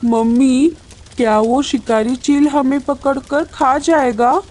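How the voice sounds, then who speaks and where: A woman voicing a group of small bird chicks in a cartoon, with a high, childlike way of talking. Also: steady tone, slow, darkish tone. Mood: worried. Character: small excited bird chicks, hungry and eager.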